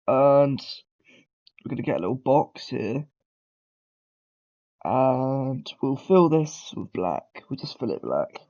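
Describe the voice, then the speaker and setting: Speaking slowly with long pauses, this man has a mid-range, very animated, slightly mellow voice on a muffled recording. Nursing a cold, he walks beginners through coding in a loose, rambling way, full of ums, throat clearing, and self-corrections.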